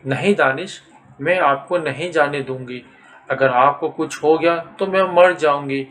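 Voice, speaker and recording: A man's voice: fairly high pitch, fairly bright tone, lightly acted. A man voicing a frightened but defiant young woman who answers angrily through tears. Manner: tearful, angry defiance.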